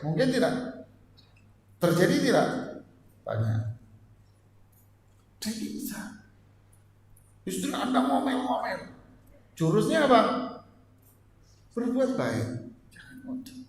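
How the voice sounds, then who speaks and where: A male religious teacher giving a joking, lively marriage lecture to an audience. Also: high voice, unhurried, long pauses. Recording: echoey hall, faint ambience.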